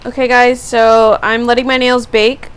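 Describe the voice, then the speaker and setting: A woman's voice: fairly high pitch, little pitch movement, normal speed, smooth. A teenage girl vlogger casually narrating each step of a beauty tutorial. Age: teens.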